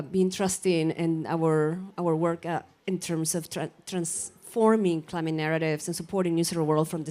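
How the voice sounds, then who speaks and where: A woman's voice: low-pitched, a little mellow. A woman giving an earnest acceptance speech while losing her voice, with some fillers. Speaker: award recipient.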